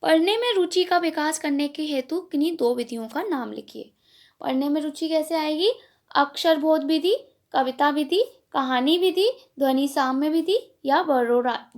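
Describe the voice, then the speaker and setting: High-voiced woman teaching exam answers. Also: animated, unhurried. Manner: explains step by step, asks and answers own questions. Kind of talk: exam revision lesson.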